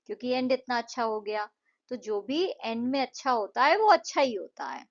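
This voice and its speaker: A woman explaining an English lesson to children, patiently repeating words slowly to show their syllables. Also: on the high side, dull audio. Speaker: English tutor.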